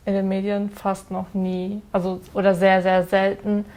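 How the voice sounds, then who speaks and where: This is a young woman in her early twenties with a medium-pitched voice. She speaks frankly and plainly while answering documentary interview questions. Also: monotone, normal speed, darkish tone. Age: 20s. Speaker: business student.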